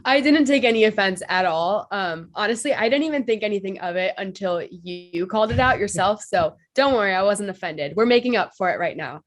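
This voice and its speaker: A woman in her twenties from Ohio, guesting on a podcast, chats casually in a mid-range voice that's slightly nasal from allergies. She talks fairly quickly with lively intonation and few pauses, staying upbeat and bubbly, laughing easily and using "like" a lot.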